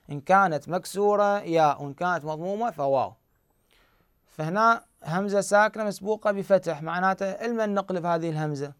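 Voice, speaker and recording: A man with an Iraqi Arabic accent explains recitation rules in a patient teaching voice, slightly high-pitched and very clear. He keeps asking the class a question and then answering it himself, repeating key words slowly. The recording is dry and close, with no room sound. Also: no room sound. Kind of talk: explanatory grammar lesson.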